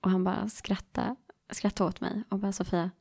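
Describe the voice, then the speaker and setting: A woman's voice: mid-range voice, flat delivery, gravelly, warm tone, breathy edge. A woman from Stockholm with a Stockholm accent, co-hosting a podcast and telling stories in a chatty way with fillers. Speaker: podcast co-host. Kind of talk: casual podcast chat.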